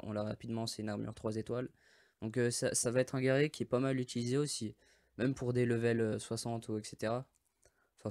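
A man's voice: medium pitch, a little mellow. A French man casually presenting mobile game characters, rambling with many hesitations and often forgetting names. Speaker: mobile game video host.

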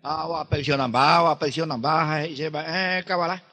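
A man's voice: on the high side, fairly even intonation, fairly quick, pushed and bright, big-room sound. A man telling rambling comic jokes in a dialogue, mixing in Guarani. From Paraguay. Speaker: comic joke teller.

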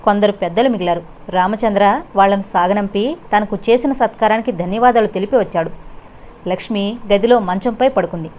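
A woman's voice: a little fast, a little mellow, a little hiss or hum. Woman reading a novel aloud. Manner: reads characters' lines with rising pitch and force. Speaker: audiobook narrator. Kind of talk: scripted novel narration with voiced dialogue.

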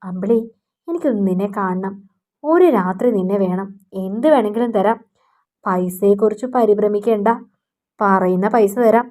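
A woman voicing a harsh, scornful husband who shouts insults at his wife. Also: mid-range voice, moderate pace, long pauses, lightly acted. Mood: flirting smoothly. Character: harsh scornful husband, middle-aged man.

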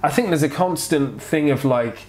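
A man's voice: fairly high pitch, moderate pace, a little mellow. A man in his thirties with a wheezy voice, out of breath and unwell, chatting informally and frankly as he answers questions at home on a lapel mic. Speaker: vlogger answering viewer questions. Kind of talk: casual chat, answering questions. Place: home kitchen, indoors. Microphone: clip-on lapel mic.

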